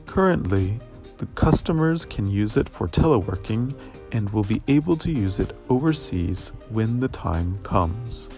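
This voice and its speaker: Interpreter translation voice-over: man, lowish voice, measured and formal, faint music underneath. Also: darkish tone. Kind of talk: scripted reading of financial results.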